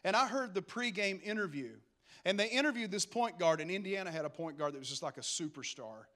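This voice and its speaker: A man preaching a lively, humorous sermon that builds to emphatic calls to action. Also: high-pitched, a little fast. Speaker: pastor.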